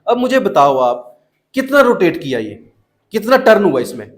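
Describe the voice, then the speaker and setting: A man's voice: high voice, big pitch swings, moderate pace. A young man teaching a math class to children, coaxing them with repeated questions in a classroom. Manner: questioning, coaxing students to answer. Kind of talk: classroom teaching, mixing Hindi and English.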